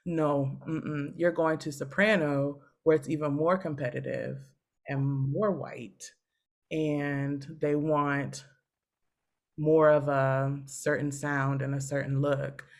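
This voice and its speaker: Woman, 30s, low voice, casual podcast guest telling animated stories. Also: slow pace. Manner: animated storytelling with laughs. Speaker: guest opera singer.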